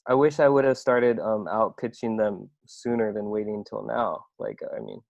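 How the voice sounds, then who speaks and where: A man's voice: on the low side, expressive, normal speed, vocal fry, a little mellow, dry recording, highs cut off. A young man from Iowa talking casually as a podcast guest, loose and rambling, full of "I mean" and "right?". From Iowa, USA. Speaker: podcast guest, marketing agency owner. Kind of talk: casual interview talk.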